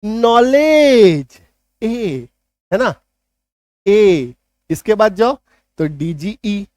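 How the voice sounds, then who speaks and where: A man teaching an online spelling lesson in English, emphatic, slowly drawing out example words and checking often that students follow. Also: high voice, expressive, darkish tone, no echo. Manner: emphatic, repeats key points with rhetorical checks.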